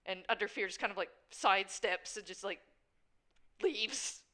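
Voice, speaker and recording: Woman running a tabletop game, makin up the scene as she goes, chatty n informal, mid pitch. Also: normal speed, sharp tone. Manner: informal, conversational. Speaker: game master. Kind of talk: improvised tabletop game narration.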